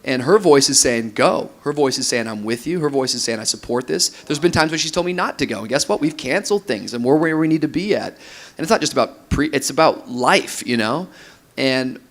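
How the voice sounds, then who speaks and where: A man's voice: medium pitch, expressive, brisk. A man in his thirties, a pastor speaking on a conference stage panel, talking with energy and laughing as he mimics couples. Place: large room with audience on stage.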